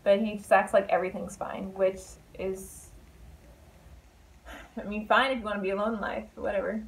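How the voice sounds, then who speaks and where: A woman's voice: medium pitch, little pitch movement, normal speed, poor audio. A young woman chatting casually as a book vlogger, full of fillers and asides.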